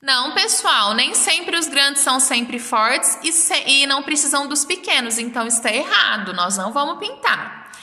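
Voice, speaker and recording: A woman's voice: high voice, animated, moderate pace, pushed and bright. A woman teaching a primary school class remotely, speaking in Brazilian Portuguese, patiently sounding out and counting words for young children. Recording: roomy echo, mic at a distance.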